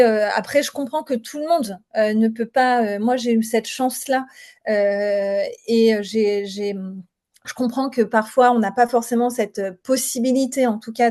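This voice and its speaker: A woman with a fairly high, mellow voice speaks as a recruiter in a webinar chat. She halts often, restarting phrases and pausing to hesitate. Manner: halting, many hesitations and restarts. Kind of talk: online webinar conversation.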